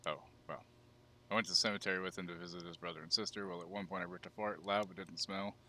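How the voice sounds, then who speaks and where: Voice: deep voice, steady tone, quick pace, pushed and bright, a little hiss or hum. A gameplay commentator chatting casually, with a crude, joking, slangy way of talking. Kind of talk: casual chat over gameplay.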